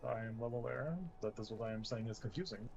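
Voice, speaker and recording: A man's voice: on the low side, quick pace, gravelly, darkish tone, soft background music. A man in an online role-play, chatting in character and explaining things in rather formal wording. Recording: muffled, very noisy game voice chat.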